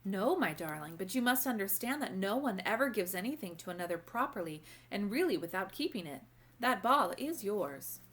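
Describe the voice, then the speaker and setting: A woman voicing a kindly, wise old grandmother in a storybook, gently and formally giving instruction. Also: medium pitch, lively intonation, moderate pace, natural voice. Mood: gentle. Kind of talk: storybook read-aloud character voice.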